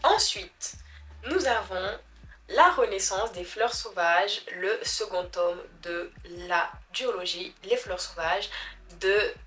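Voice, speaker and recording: Slow-talking chatty young Frenchwoman. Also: mid-range voice, a bit bright, faint music behind. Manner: chatty, self-mocking, stumbles over foreign names. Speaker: book vlogger. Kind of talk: casual chat about books.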